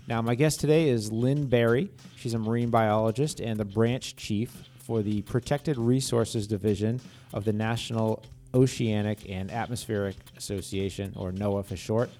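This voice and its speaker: A man with a New England accent hosting a travel podcast, introducing a guest and then asking questions with a few filler pauses. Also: lowish voice, mellow. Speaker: podcast host.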